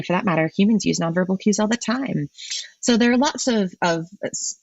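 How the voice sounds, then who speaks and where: A woman researcher talks through her answers in a slightly husky voice, circling back and restarting as she thinks. The recording is dry and somewhat dull, like a lo-fi remote call. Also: fairly low pitch, dry recording. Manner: thinks aloud with many restarts and ums. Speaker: marine ecologist guest. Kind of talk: thoughtful interview answers.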